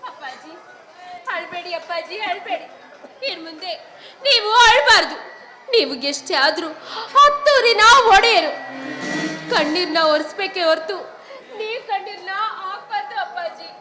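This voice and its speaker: A woman's voice: extremely high pitch, fairly even intonation, moderate pace, crowd noise. A woman playing a young daughter pleading emotionally with her grieving father in a village stage play. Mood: tearful. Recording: hall reverb, audience noise.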